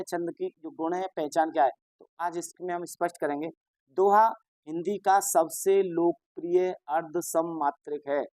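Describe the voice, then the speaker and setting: A man teaches an exam-prep lesson at an unhurried, patient pace. He keeps repeating reminders and poses questions that he answers himself. The sound is dry, with no room echo. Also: fairly high pitch, a little mellow.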